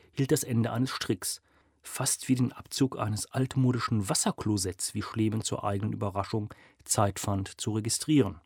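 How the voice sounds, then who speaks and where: A male narrator reads a crime novel aloud in a mid-pitched voice, measured and steady, leaning into dramatic moments. The recording is close and dry, with no room echo. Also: husky. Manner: measured storytelling with dramatic emphasis.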